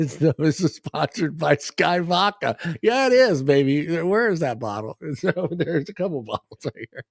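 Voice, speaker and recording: A man's voice: fairly high pitch, expressive, moderate pace, gravelly, no room sound. A man in easy, joking conversation, laughing between lines and teasing his co-hosts. The recording is dry and close, with no room sound. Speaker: podcast co-host. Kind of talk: casual chat.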